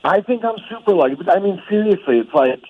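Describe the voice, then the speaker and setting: A man calling in over a phone speaker, chatty and excitable, telling his story with quick laughs. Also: high voice. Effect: heard over a phone speaker. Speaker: radio call-in guest. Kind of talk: casual chat. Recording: muffled phone line.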